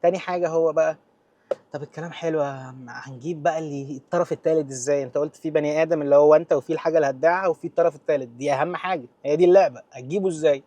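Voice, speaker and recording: A man's voice: fairly high pitch, fairly even intonation, rapid-fire, mellow, no echo. A man in his twenties with an Egyptian accent talking naturally without a script, informal and direct as if to a friend, mixing in English terms. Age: 20s. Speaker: vlogger giving business advice. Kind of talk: natural unscripted talk to camera, casual.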